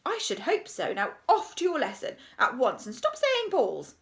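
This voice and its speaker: A woman's voice: high voice, huge pitch swings, moderate pace, voice pushed up, heavily acted. A woman voicing a bossy, stern headmistress in a children's storybook, scolding and commanding. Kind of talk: children's storybook read aloud.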